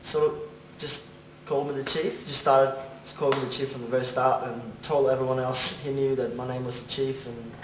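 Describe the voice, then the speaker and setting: A young man playing a mild, halting drummer nicknamed the Chief in a mockumentary interview. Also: mid-range voice, flat delivery, lightly acted. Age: young adult. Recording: roomy, a bit distant, faint noise.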